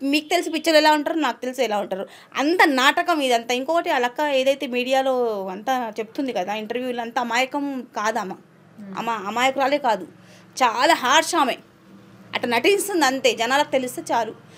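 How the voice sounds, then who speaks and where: A woman's voice: sits high, brisk, fairly bright tone. A woman speaking as an interview guest, arguing with rhetorical questions. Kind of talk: heated interview talk.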